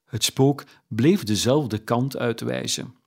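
A man narrating a classic story in a measured, storytelling manner. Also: mid-range voice, creaky, darkish tone, slightly rough. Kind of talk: audiobook reading of a classic story.

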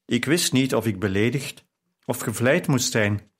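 A man reading a novel aloud as a measured first-person narration. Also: medium pitch, expressive, slightly rough. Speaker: audiobook narrator.

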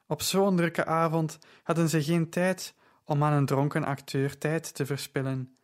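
A man narrating an audiobook story in a measured, even storytelling manner. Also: a little high, smooth.

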